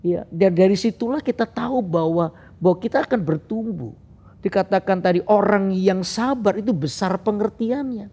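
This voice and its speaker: A man, preaching a sermon through a funny personal story, animated and laughing at himself. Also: high voice, normal speed. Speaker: pastor.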